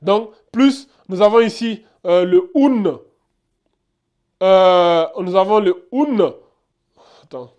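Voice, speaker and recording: A man's voice: high voice, expressive, slow pace, long pauses, a little mellow, lo-fi sound. A man giving a casual beginner lesson, repeating sounds and often checking that viewers follow. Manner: repetitive, checks understanding often. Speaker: Arabic teacher.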